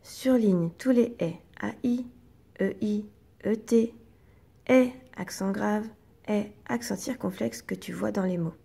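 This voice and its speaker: A woman teacher, slowly and patiently guiding young children through reading exercises and sounding out each syllable. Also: medium pitch, gravelly, dark tone, slightly rough.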